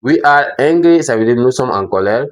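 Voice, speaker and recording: A man's voice: mid-range voice, lively intonation, normal speed. A man teaching English in a lesson, talking hesitantly with frequent fillers, restarts and repetitions, and spelling words out letter by letter. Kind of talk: French-language English lesson.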